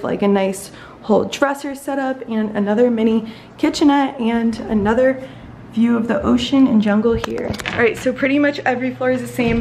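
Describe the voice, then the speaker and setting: With a fairly high, slightly mellow voice, a young travel vlogger walks viewers around a holiday villa, indoors and across its open terraces, filming on a phone at arm's length. Her talk is bubbly and chatty, full of "like" fillers, and there's a bit of background noise.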